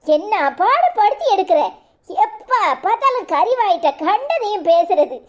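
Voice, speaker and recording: Woman voicing a shrill scolding old mother-in-law. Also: very animated, unhurried, exaggerated voice. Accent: Tirunelveli Tamil. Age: older. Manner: shrill, scolding, wailing complaints. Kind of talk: cartoon voice acting.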